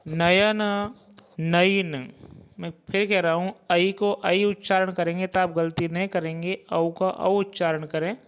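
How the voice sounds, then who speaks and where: A man's voice: high voice, little pitch movement, clear, resonant tone. A man teaching a grammar lesson, reciting word pairs one by one and stopping to stress correct pronunciation. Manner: slow, deliberate recitation of vocabulary lists with pronunciation reminders.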